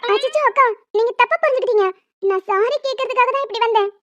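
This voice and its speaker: A woman's voice: extremely high pitch, quick pace, dry recording, dull audio. A woman voicing a cheeky young cartoon woman in a superhero costume, coaxing, playful and unbothered. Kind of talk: animated cartoon voice acting.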